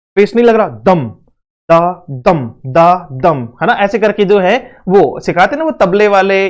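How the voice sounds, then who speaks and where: A man teaching an exam-prep literature lesson, mixing Hindi and English and repeating his points through rhetorical questions. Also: sits high.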